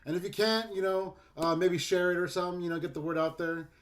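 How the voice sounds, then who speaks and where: Guy hosting a comedy stream, casual, lots of uhs, slightly high voice. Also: fairly even intonation, fast, fairly bright tone. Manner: casual, filler-heavy, upbeat. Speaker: show host. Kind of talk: online comedy show hosting.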